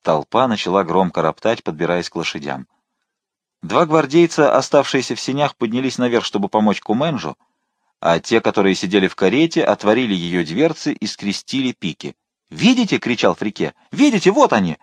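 Expressive male audiobook narrator. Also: fairly low pitch, a little fast, dry recording. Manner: expressive, dramatic reading. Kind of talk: scripted narration.

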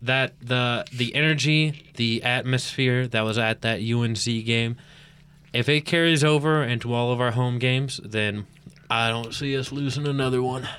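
A man's voice: mid-range voice, fairly even intonation, moderate pace, a bit bright, clean tone. A young man co-hosting a casual college sports preview, playful and eager to build up the home team. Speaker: sports show co-host.

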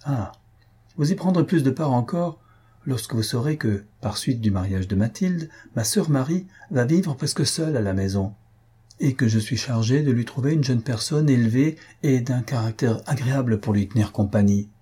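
A man's voice: medium pitch, animated, normal speed, warm tone, husky. A man voicing a gallant young count, courteous and eager.

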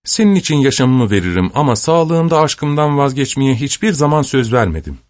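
A man's voice: medium pitch, big pitch swings, fairly quick, darkish tone, no room sound, pitched above the performer's own voice, natural voice. A man voicing a lovestruck young woman in an audiobook, speaking earnestly with a coaxing, slightly pouting manner. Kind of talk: audiobook character reading.

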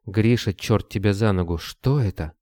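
A man voicing a frightened young woman hunter in an audiobook, pleading and shrill, with her voice raised. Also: moderate pace, darkish tone, dry recording, clean studio sound, lightly acted. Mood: alarmed. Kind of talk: audiobook character voice.

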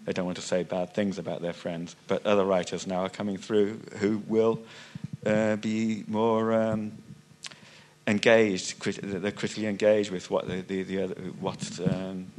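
Man, panelist, low flat voice, halting and self-correcting. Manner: hesitant, many restarts and fillers, loses thread. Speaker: panelist, music magazine writer. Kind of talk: unscripted panel discussion. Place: conference hall panel.

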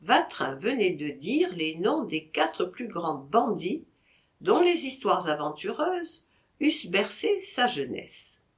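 A woman's voice: medium pitch, sing-song, slow. A woman reading a classic novel aloud, narrating expressively and voicing each character. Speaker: audiobook reader.

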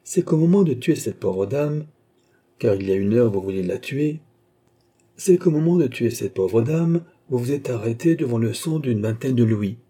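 A petty swindler who bristles and protests at every hint against him, as a man performs him in an audiobook. The voice is very dark with a husky edge. He sounds suspicious and easily stung, always pushing back. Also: mid-range voice, expressive, normal speed. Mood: indignant. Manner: agitated, protesting, indignant. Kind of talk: audiobook character reading.

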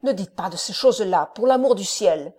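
A woman voicing an anxious, pious older mother who gives hushed, worried warnings. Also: mid-range voice, lively intonation, moderate pace, natural voice.

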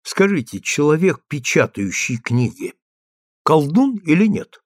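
A man's voice: a little high, sing-song, unhurried, no echo, studio quality. A man voicing a proud imprisoned inventor who speaks with restrained sarcasm. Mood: sardonic. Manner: restrained, sardonic.

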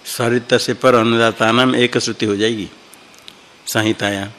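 A man teaching Sanskrit grammar in a slow classroom explanation. He thinks aloud, often stopping to repeat and correct himself. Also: mid-range voice, level tone, fairly bright tone.

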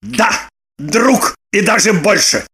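A woman voicing a hot-tempered, sarcastic grown man in an audiobook, prone to shouting outbursts. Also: medium pitch, animated, slow pace, slightly rough, pitched above the performer's own voice, full character voice. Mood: confessing. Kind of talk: audiobook character reading.

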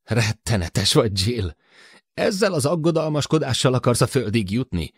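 A man's voice: mid-range voice, big pitch swings, husky, no room sound, clean studio sound, pitched above the performer's own voice. A man voicing a male crewmate who teases and scolds a worried colleague. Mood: teasing. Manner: teasing, reproachful.

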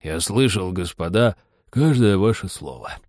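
A sleepy little dormouse mumbles in a weak, hoarse voice, slow and sulky, as a man reads him aloud. His low murmur swings widely in pitch. The storybook voice sits close and dry in the room. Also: expressive, darkish tone, dry recording. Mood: drowsy. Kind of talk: audiobook character reading.

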